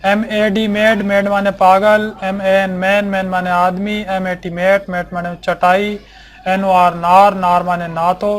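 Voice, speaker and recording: High-pitched man teaching slow, kinda monotone, spelling words out one letter at a time, repeating everything. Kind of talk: slow English vocabulary lesson.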